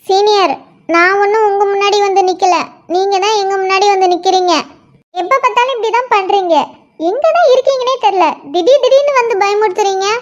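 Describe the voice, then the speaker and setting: A woman's voice: extremely high pitch, fairly quick, lo-fi sound. A woman voicing a feisty young female student who defiantly stands up to a bully, in a cartoon story. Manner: defiant, cheeky.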